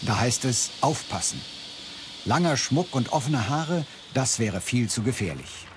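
A man delivering clear, measured scripted narration for a documentary. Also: mid-range voice, lively intonation, a little hiss or hum.

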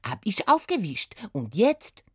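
A woman voicing a gruff, brusque little cleaning lady who speaks broken German with a put-on French accent. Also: mid-range voice, wildly swooping pitch, a little slow, darkish tone, no room sound, studio quality, pitched above the performer's own voice, full character voice.

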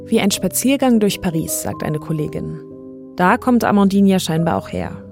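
A woman hosting a podcast tells a scripted story in a conversational, narrating style, over a bed of background music. Her medium-pitched voice is very animated, at a moderate pace, with a darkish tone.

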